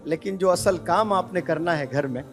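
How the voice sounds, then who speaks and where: High-pitched guy preaching earnestly, asks the crowd questions, soft music under it. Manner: earnest, rhetorical questions to the youth. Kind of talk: sermon.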